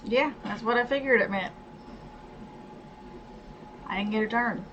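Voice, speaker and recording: A woman's voice: on the high side, measured pace. A woman hosting a gaming channel, muttering casual commentary as she plays and reading card text aloud. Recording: dull lo-fi sound with steady noise.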